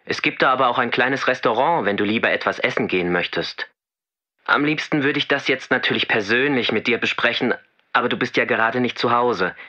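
Man's bright, chatty answering machine message. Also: mid-range voice, brisk, dull audio. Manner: friendly, casual, chatty. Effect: message left on an answering machine. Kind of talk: scripted exam listening recording.

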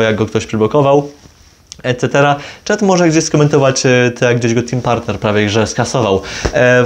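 A motorsport video creator in his 20s gives an informal explainer to camera in a small, plain indoor room, rephrasing and correcting himself along the way. His voice is mid-range with a darkish tone, picked up by a lavalier clipped on his jacket.

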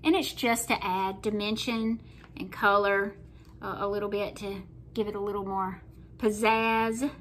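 The voice belongs to a middle-aged Southern US woman, a craft painting host chatting folksily while she works at her home kitchen table. She's unhurried, mid-range in pitch, with fairly even intonation. Some slight background noise is present.

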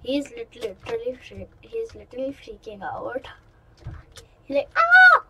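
High-voiced chatty female gamer. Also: normal speed, very noisy. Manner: chatty and excitable, rambling asides to viewers. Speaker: gaming channel host. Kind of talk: let's-play commentary.

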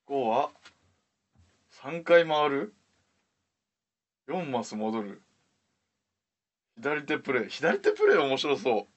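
A man's voice: medium pitch, huge pitch swings, slow, long pauses, slightly rough, muffled recording. A male co-host on a game livestream, polite and easygoing, laughing along and keeping the segment moving. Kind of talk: casual livestream banter.

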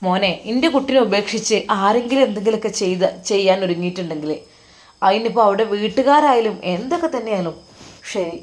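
Woman doing a soft coaxing old dad, malabar accent, middle pitch, pleading gently. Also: animated, fast talker, natural voice. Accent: Malabar Malayalam. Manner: tender, coaxing, fatherly pleading.

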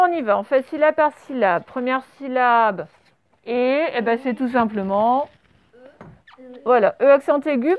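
A woman teaching a primary school dictation, breaking words into syllables and spelling them letter by letter. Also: high-pitched. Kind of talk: classroom dictation lesson. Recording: slightly dull lo-fi recording.

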